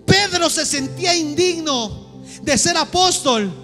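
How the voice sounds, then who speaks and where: A man's voice: very high voice, animated, slow, fairly bright tone. A man preaching a sermon in a church, pressing his listeners with repeated rhetorical questions. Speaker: pastor. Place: church sanctuary. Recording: echoey church hall with music.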